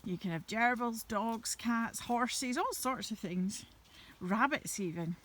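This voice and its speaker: A woman chatting gently to her viewers while walking her dogs outdoors through woods by a river. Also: fairly high pitch, animated, slow. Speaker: vlogger. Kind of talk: casual walking vlog narration.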